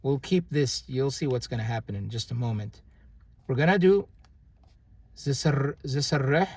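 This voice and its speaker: This dry recording features a young male language teacher with a fairly high pitch. He explains grammar casually and without hurry, pausing often with fillers and starting his sentences over.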